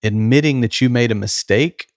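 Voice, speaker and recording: A man in his thirties hosting a casual podcast, sincere and direct, sharing plain sayings from his own life. His pitch is ordinary, in the middle range. The recording is dry and close, with no echo. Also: normal speed. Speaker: podcast host.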